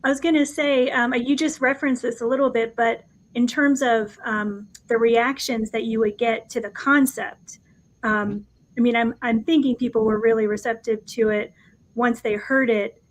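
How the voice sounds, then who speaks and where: A woman with a fairly high voice hosts an interview, asking her question in a halting way. She gropes for the right words as she goes. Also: fairly even intonation. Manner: hesitant, searching for words. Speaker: podcast co-host.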